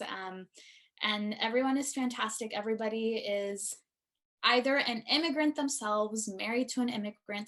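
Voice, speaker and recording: A woman's voice: mid-range voice, a bit bright. A woman immigration attorney presenting a webinar in an earnest, friendly way, with frequent "um" fillers. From born in Iraq, raised in the United States.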